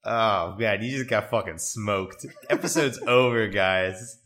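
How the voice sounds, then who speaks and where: A man's voice: on the low side, a bit bright. A man co-hosting a tabletop podcast with joking, profane banter, his voice echoing as if in a cave from a bare, newly moved-into room. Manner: joking, profane, quick to laugh. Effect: hollow cave-like echo from a bare new room. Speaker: podcast co-host running a character-building game. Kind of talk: casual banter while rolling dice. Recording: echoey bare room, no setup.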